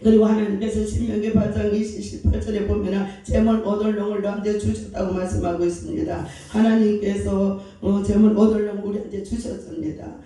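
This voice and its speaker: A man's voice: sits high, little pitch movement, fairly quick, hardly any pauses, dark tone. A man preaching a fervent revival sermon as pastor, pressing his listeners with repeated rhetorical questions. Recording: very echoey hall, distant mic.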